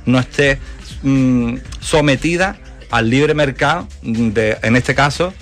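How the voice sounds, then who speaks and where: A man's voice: mid-range voice, takes it slowly, faint music behind. A man from Málaga, a political candidate giving earnest, fluent answers in a radio interview. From Málaga, Spain. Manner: earnest, fluent campaign talk with fillers.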